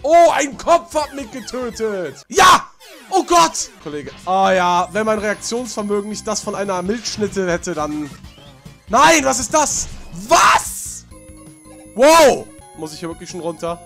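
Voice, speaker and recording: A man doing gameplay commentary as a let's play host, prone to shouted outbursts and swearing, with game music behind him. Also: sits high, very animated, a little slow. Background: video game music.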